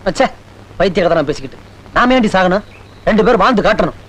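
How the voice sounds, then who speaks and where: An actor playing a steady young village man in love, reassuring and playful in a 1980s Tamil film drama. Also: high voice, fast talker, heavy background noise. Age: young adult. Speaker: hero, suitor.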